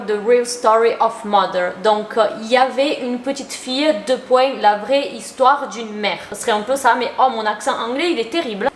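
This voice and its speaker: A fairly high-pitched young woman talks straight to her audience in a chatty, opinionated way, dropping casual slang as she goes. Her voice carries a noticeable roomy echo, with a faint hiss of noise underneath. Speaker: YouTuber. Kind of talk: casual commentary to camera.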